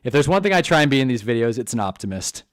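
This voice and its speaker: A Southern California man in his twenties hosts a live stream, telling stories casually in an animated, swearing style. His medium-pitched voice comes rapid-fire, with a Californian accent.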